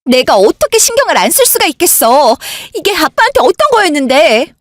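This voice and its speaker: A woman's voice: sits high, very animated, moderate pace, dry recording. A woman voicing a grieving elder sister in a radio drama, insistent and worked up as she keeps pushing to call the police. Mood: agitated. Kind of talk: Korean radio drama acting.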